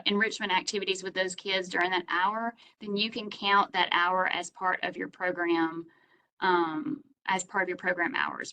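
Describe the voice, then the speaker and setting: A woman's voice: on the low side, bright, forceful tone, poor audio. A woman hosting online office hours, explaining grant application rules over a video call in a conversational, step-by-step way.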